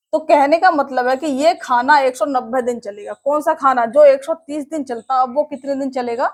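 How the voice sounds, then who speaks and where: A young woman with a high voice teaches a classroom maths lesson. She walks through each step patiently. She often asks questions and answers them herself. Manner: explains step by step, checks with students, asks and answers her own questions.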